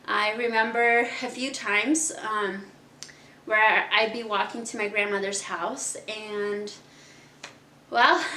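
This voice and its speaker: A young woman from Kazakhstan telling her own story as a podcast host, chatty and open, with frequent laughs. Her voice is bright and forward. The room around her is echoey, with a faint hiss underneath. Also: mid-range voice. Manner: chatty and candid, laughs often. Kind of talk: casual personal storytelling.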